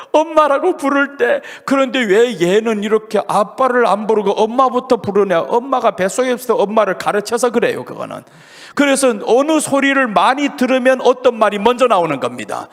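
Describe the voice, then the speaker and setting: A male pastor giving a revival sermon in a church sanctuary, emphatic and full of rhetorical questions to the congregation. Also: high voice. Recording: long church-hall reverb.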